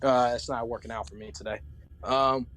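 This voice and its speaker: A man in casual tabletop game play who talks in a halting way and often repeats words. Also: medium pitch, fairly even intonation, fairly bright tone. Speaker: player.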